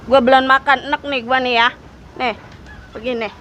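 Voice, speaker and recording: A woman's voice: sits high, steady tone, moderate pace, sharp tone, a little hiss or hum, poor audio. A woman playing a blunt, teasing housewife in a comedy skit, with a Jakarta Betawi accent.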